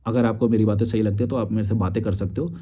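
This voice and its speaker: A man's voice: lowish voice, fairly even intonation, quick pace, warm tone, breathy edge. A young man, a YouTube creator, replying to viewer comments in a blunt, crude and combative rant with frequent swearing.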